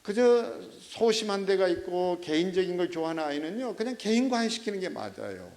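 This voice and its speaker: A middle-aged male pastor delivering a sermon in a fairly high voice. His pitch swings widely as he tells stories with animation, turning to check in with his listeners through quick rhetorical questions. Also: big pitch swings, a little mellow.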